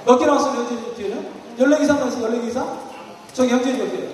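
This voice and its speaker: In a large, echoing hall full of people, a man with a very high voice races through an interactive church seminar lecture, heard from a distance. He questions the audience, calling on individuals by title, and acts out the quoted lines of his anecdotes.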